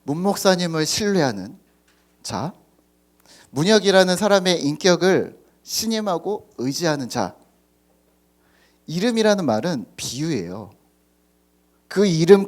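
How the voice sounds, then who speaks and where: Middle-aged male pastor, animated delivery with a higher voice; chatty sermon in a church, keeps quizzing the pews and mimics scolding parents. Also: normal speed, long pauses. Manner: conversational, asks the congregation questions; acts out parents scolding at the table. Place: church sanctuary.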